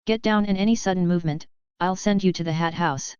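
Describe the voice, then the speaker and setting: A man's voice: sits high, fairly quick, a little mellow, clean tone, dry recording, muffled recording, natural voice. A woman reading the lines of a cruel older male police officer in a menacing, mocking way.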